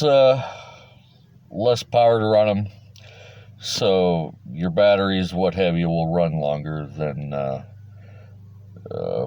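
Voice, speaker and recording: A middle-aged hobbyist presenter rambles through a casual, plain-spoken explainer monologue in a folksy way, as if talking to fellow enthusiasts. His voice is low-pitched and a little mellow.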